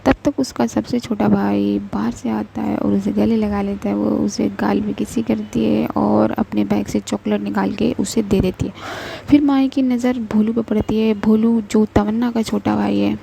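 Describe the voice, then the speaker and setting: Creaky, low-key woman storyteller. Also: flat delivery, warm tone, slight background noise, rough recording. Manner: slow, deliberate, with pauses and restarts. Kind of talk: spoken story narration.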